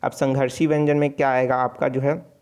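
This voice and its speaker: A man with a Chhattisgarhi Hindi accent teaches an online exam-prep class in a casual spoken lesson, his mid-range voice clear, resonant, slightly mellow, fairly quick, and fairly flat in pitch. He explains steadily, repeats letter sounds aloud, and often corrects himself.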